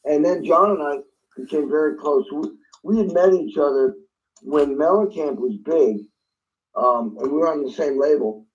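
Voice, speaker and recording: A man's voice: a little high, normal speed, dull audio. A man, a guest drummer, telling a story in an interview and acting out phone calls in different voices.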